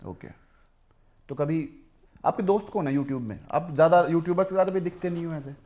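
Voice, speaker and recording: Male podcast interviewer, steady questioner, pitch a bit raised. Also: brisk. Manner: steady questioner, frequent listening murmurs. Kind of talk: casual interview conversation.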